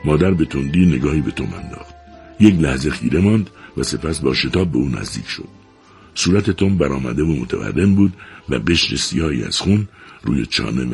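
A man narrating a novel in a dramatic, expressive audiobook reading. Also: rumbling low, creaky.

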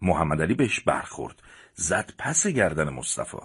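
Deep husky male storyteller. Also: sing-song. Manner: reads plainly and shifts up in pitch and loudness for the characters. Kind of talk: audiobook narration voicing the dialogue.

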